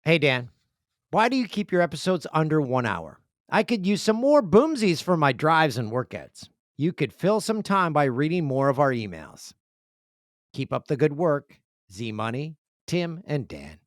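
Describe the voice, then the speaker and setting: A man's voice: on the high side, moderate pace, no room sound, studio quality. A man hosting a podcast in casual chat, reading listener emails and telling jokey, rambling stories on a podcast microphone indoors. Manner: jokey, rambling, animated storytelling. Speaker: podcast host. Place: indoor room with a video setup.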